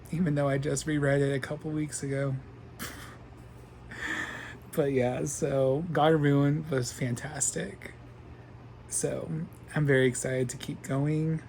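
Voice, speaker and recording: A man's voice: mid-range voice, a little mellow, a little hiss or hum. A man talking in a casual reading vlog, gushing about books and rambling with lots of ums. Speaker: book vlogger.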